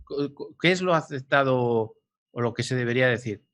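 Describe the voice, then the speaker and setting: A man's voice: medium pitch, normal speed, fairly bright tone. A man hosting a podcast, asking curious questions in casual conversation. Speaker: podcast host.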